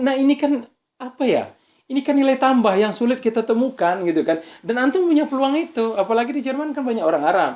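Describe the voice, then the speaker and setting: A man giving a relaxed religious study talk to students, speaking with an Indonesian accent and checking in with his listeners often. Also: on the high side. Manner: conversational, keeps asking "ya kan?". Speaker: visiting preacher.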